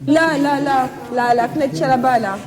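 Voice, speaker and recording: A woman's voice: high voice, normal speed, crowd noise. A woman chatting casually while exploring, recorded on location. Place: on location in an abandoned château.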